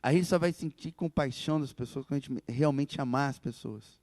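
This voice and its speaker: A man preaching a sermon in a church, telling the story with animated delivery and acting out the quoted voices. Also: medium pitch, brisk, no echo, big-room sound.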